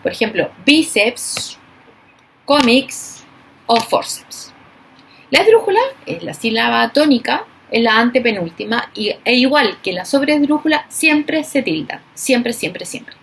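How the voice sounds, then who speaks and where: Slow, emphatic woman teacher. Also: a little high, lively intonation, fairly bright tone, slight background noise. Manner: slow, emphatic, stresses example words. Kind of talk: recorded online class.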